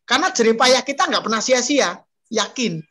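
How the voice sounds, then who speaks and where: A man's voice: very high-pitched, expressive, moderate pace, fairly bright tone. Male pastor, Bible study talk, earnest and coaxing, emphatic on points. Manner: earnest, coaxing, often tags his points with a friendly address; emphatic, voice rising on key points.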